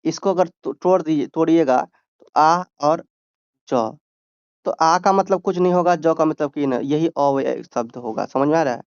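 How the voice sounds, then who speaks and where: A man's voice: fairly high pitch, moderate pace, clear, resonant tone, no echo, dull audio. Man teaching a grammar exam-prep lesson. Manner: explains step by step, asking and answering his own questions. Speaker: exam tutor.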